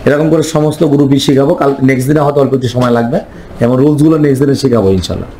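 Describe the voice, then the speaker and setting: A man's voice: medium pitch, racing, dark tone, slight background noise, low-quality recording. A man teaching a chemistry class, lecturing and firing repeated questions at his students.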